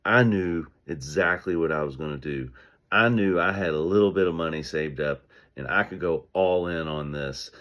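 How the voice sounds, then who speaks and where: A man speaking as a business owner, telling stories and giving advice in an energetic, conversational way. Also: low voice, moderate pace, dull audio. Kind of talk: casual motivational talk.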